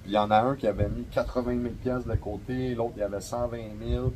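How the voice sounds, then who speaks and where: A man's voice: medium pitch, quick pace, slight background noise, low-quality recording. Slangy young Québécois man telling stories. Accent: Québécois French. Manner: slangy, profane, animated storyteller. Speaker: podcast guest. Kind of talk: casual storytelling chat.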